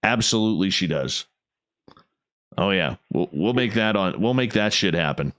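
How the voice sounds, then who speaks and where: A man with a smooth, resonant voice hosts casual late-night talk radio. He is effusive and emphatic, repeating phrases for effect, and recorded close and dry. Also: low-pitched, animated, normal speed, a bit bright, no echo. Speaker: radio show host.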